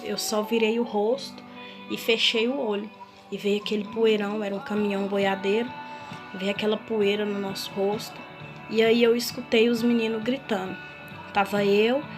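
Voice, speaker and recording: A woman with a Brazilian Portuguese accent giving an emotional personal testimony, telling it earnestly and haltingly, often restarting her sentences. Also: mid-range voice. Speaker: testimony speaker. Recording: music playing clearly behind.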